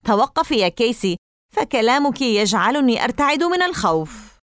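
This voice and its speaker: A woman's voice: medium pitch, lively intonation, brisk, no room sound, clean studio sound, close to an everyday voice. A woman reading aloud and voicing a mocking, dismissive young boy in an audiobook. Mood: scoffing. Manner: sarcastic, dismissive. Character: scoffing, mocking boy of about twelve.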